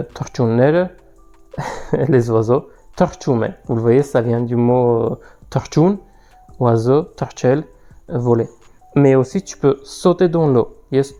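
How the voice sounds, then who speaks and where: A man's voice: mid-range voice, mellow. A man teaching vocabulary in an online lesson, patiently repeating words for learners to echo. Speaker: language teacher.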